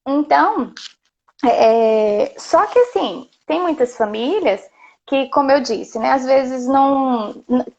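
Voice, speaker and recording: A woman hosts a live-stream interview in a high voice with a gravelly edge. She talks chattily, hesitating and filling gaps. The sound is dull and lo-fi. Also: slow, a little mellow. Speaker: host.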